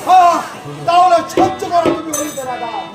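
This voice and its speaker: A man playing a proud, threatening warrior commander in folk theatre, with booming, declamatory, scornful delivery. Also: expressive, normal speed. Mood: menacing. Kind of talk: folk jatra stage acting. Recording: echoey distant stage, music and crowd noise.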